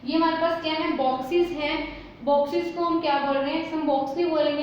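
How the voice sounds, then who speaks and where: A woman teaching a chemistry lesson, often asking a question and then answering it herself, with English terms mixed in. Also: high-pitched. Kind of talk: classroom lesson explaining at a board. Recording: very echoey room, dull lo-fi sound, faint noise.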